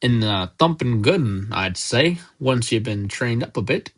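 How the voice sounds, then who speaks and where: Storybook giant: gruff, folksy, blustering, kindly , man reading. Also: medium pitch, lively intonation, unhurried. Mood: gruff, exasperated. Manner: loud blustering outbursts, folksy speech.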